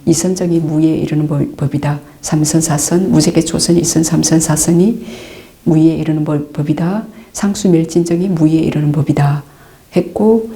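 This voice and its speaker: A middle-aged woman, a Buddhist nun, patiently answering meditation questions, calm and repetitive, sometimes dropping into soft asides. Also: sits low, moderate pace. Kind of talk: dharma Q&A teaching.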